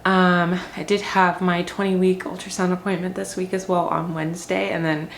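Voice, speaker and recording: Chatty pregnant woman, lowish voice. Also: level tone, normal speed, a little hiss or hum. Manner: chatty, rambling, many ums and likes. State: short of breath. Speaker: vlogger. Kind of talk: casual pregnancy update. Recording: echoey room with faint ambience.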